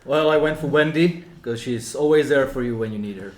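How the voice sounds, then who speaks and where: A man's voice: mid-range voice, a little fast, echoey room, slight background noise. A man playing in a quiz podcast, hesitant and laughing at himself. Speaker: quiz contestant. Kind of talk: casual quiz banter.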